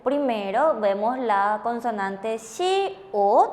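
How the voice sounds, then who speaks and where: Female teacher, high-pitched, patient, repeats and confirms each answer. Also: very animated, slow pace, darkish tone. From Paraguay. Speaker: language teacher co-hosting. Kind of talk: classroom explanation with questions.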